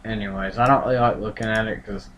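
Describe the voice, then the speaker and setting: Halting low-voiced man on a noisy livestream. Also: fairly even intonation, a bit bright. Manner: halting, self-correcting, thinking aloud. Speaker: livestream host tracking a tropical storm. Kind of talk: casual rambling livestream commentary. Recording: clear background noise, room ambience.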